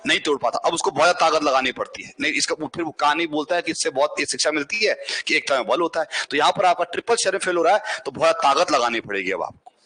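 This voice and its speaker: Man, exam-prep teacher, husky voice, high pitch, keeps asking the class questions. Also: expressive, fast talker, sharp tone. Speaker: civil engineering teacher.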